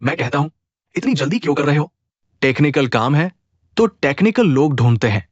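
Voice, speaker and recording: A man's voice: a little high, animated, brisk, no room sound, muffled recording. A man dubbing a fatherly, persuasive middle-aged shopkeeper in a drama. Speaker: uncle figure and business partner. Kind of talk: dubbed drama acting.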